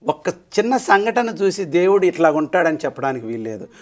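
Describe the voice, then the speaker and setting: A middle-aged man teaching scripture as a guest in a Bible study, explaining with lively, storytelling energy. His pitch sits a little high for a man and swings widely as he acts out questions and doubts. He slips English phrases into his talk. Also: a little fast. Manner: animated storytelling, mixes English phrases into Telugu.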